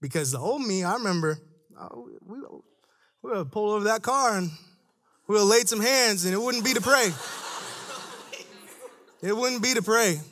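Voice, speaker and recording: A man's voice: sits high, lively intonation, normal speed, pauses often, fairly bright tone. A man preaching a sermon to young adults, chatty and laughing at his own stories, then rising into an emphatic preaching cadence.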